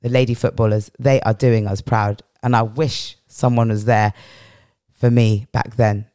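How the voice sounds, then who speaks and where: With an extremely low pitch, little pitch movement and a slightly slow pace, this middle-aged Englishwoman's dark-toned voice sounds strong and powerful. She is a podcast guest sharing reflective personal stories and repeating phrases for weight, in clean studio sound with no echo.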